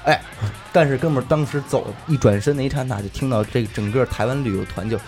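A man's voice: medium pitch, quick pace, over music. A man with a Beijing accent telling stories casually and comically, slangy and teasing, often asking rhetorical questions. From Beijing, China. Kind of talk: casual comic storytelling among friends.

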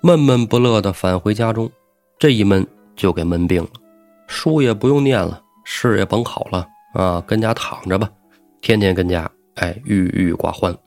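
A middle-aged man telling a story in a lively, colloquial way with chatty asides. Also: lowish voice, normal speed, faint music behind. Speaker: storytelling podcast host. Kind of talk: casual storytelling.

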